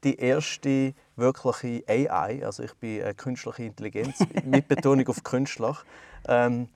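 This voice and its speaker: A man's voice: mid-range voice, a little slow, creaky, a little mellow, dry recording. Playful rambling Swiss German man. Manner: playful, rambling, hesitant with many fillers. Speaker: podcast co-host. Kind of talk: casual banter.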